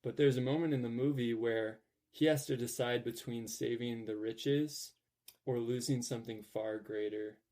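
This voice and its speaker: A man's voice: mid-range voice, fairly even intonation, moderate pace, mellow. A young man hosting a casual podcast, talking in an upbeat, rambling way with lots of fillers. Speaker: podcast host.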